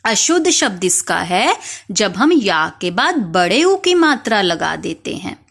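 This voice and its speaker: A woman teaching young children spelling, slowly spelling out each word letter by letter and asking them questions. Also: medium pitch, big pitch swings, creaky, a bit bright. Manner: slow, spells words letter by letter, asks questions.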